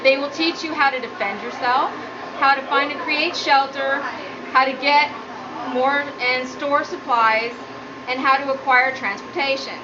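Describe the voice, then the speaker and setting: A student delivers a humorous prepared speech in a steady, unhurried tone, though her delivery is nervous and giggly. The audio is muffled and low-quality, with noticeable background noise.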